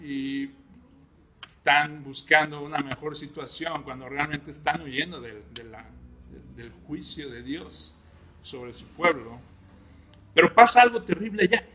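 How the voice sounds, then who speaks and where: Male Bible class teacher, fairly high, bright voice, chatty and questioning. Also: a little slow. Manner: conversational, asks the class questions and jokes with students.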